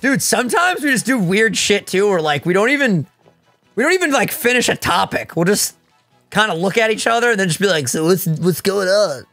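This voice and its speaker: A man in his twenties co-hosting a gaming playthrough, chatting casually and teasing his friend with quick laughs. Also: high-pitched, sing-song, sharp tone, no echo, soft background music. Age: 20s. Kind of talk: casual chat over gameplay.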